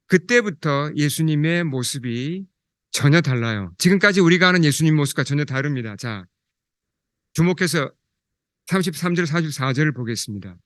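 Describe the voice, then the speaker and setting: A man preaching as pastor who asks his congregation questions and slows down, quieter, when reading scripture. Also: on the high side, lively intonation, dry recording, clean studio sound. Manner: slows down and drops soft when quoting scripture. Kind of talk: sermon.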